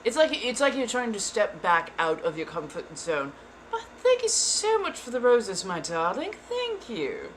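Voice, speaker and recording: A woman of medium pitch hosts live tarot readings, very animated yet unhurried, speaking throughout in a theatrical affected accent and calling everyone "darling." There's slight background noise.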